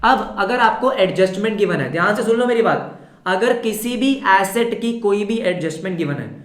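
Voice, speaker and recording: A male accounts teacher with a sore throat, running a fast revision lesson, asking the class questions and answering them himself. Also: high-pitched, expressive, fairly bright tone, roomy sound. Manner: quizzes students then answers his own questions.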